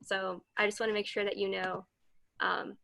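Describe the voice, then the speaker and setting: A woman who organized the session gives quick, reassuring encouragement to participants on a video call. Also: medium pitch, level tone, gravelly, sharp tone.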